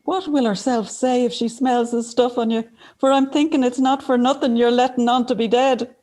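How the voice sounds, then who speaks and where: A man's voice: very high voice, level tone, moderate pace, darkish tone, voice pushed up. A man voicing a nervous, humble wandering tramp in a play reading. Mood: wary, curious. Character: uneasy wandering male tramp, wary and humble.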